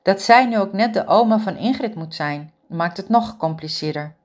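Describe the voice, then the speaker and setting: Calm woman narrating a story. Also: mid-range voice, moderate pace. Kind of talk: scripted narration of a romance story.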